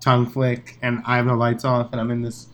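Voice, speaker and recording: A man's voice: mid-range voice, monotone, brisk, a bit bright. A man co-hosting a comedy podcast, teasing his friends in casual, dry banter. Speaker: podcast co-host.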